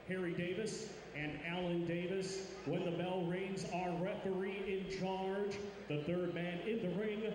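High-pitched showy male boxing ring announcer. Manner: showy fight-night announcer, lucha libre style, stretching names out. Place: boxing ring in a large indoor arena. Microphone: handheld microphone. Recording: echoing arena PA, clearly noisy.

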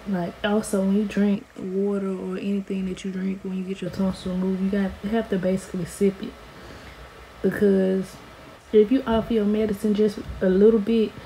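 A woman's voice: medium pitch, dark tone, poor audio. An American woman in her twenties chatting casually and informally to camera as a vlogger in a room at home. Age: 20s. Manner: informal, conversational. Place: small indoor room at home. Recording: noticeable background room noise.

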